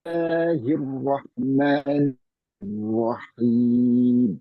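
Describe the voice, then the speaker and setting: Guy reciting real slow over a choppy video call, audio keeps breaking up, muffled and dry. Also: medium pitch, creaky, no room sound, faint music behind. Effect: choppy, breaking-up internet call audio. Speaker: student reciting to a teacher. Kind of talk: slow Quran recitation in a tajwid class.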